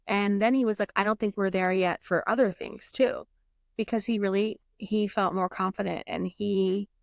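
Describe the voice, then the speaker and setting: A young woman with a gravelly, creaky edge to her voice tells a painful personal story in a candid, raw way, acting out each exchange and letting the odd curse slip. The sound is close and dry, with no room around it. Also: mid-range voice, steady tone, normal speed, no echo. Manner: emotional, candid, swears, reenacts dialogue. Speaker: podcast host. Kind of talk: casual podcast storytelling.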